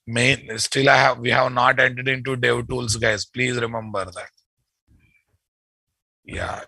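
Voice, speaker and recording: A male coding instructor with a Telugu Indian accent speaks to his students at a measured, slow pace. His voice is sharp and forward with a creaky edge. He restates instructions and keeps tagging questions onto the ends of his sentences. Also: mid-range voice, dry recording, low-quality recording. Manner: repeats phrases, ends with checking tag questions. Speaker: programming instructor. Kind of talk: live coding lesson, addressing students.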